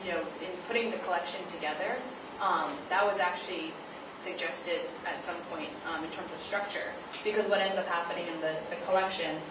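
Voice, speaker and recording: This is a woman speaking as guest author at a book talk, giving unscripted answers to audience questions. Her lowish voice stays steady in tone while she halts, muses, and leans on "like" as a hedge. A distant mic at the live venue leaves the audio very echoey and noisy.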